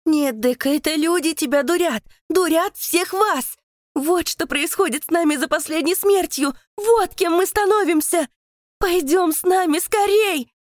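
A woman voicing a desperate female monster who was once a girl, shouting in frantic pleas. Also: very high voice, a little slow, no echo, clean studio sound, pitched above the performer's own voice. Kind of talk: audiobook character voice.

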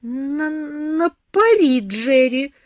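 Brief: scared teen girl near tears, high pleading tone, read by a woman. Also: sing-song, unhurried, no room sound, studio quality, full character voice. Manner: pleading, timid, on the verge of tears. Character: frightened tearful eighteen-year-old girl.

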